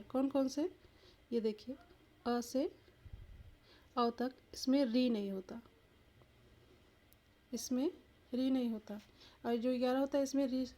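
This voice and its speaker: A woman's voice: fairly high pitch, mellow. A woman teacher giving an exam-prep lesson, asking the viewer questions and sounding out each letter aloud.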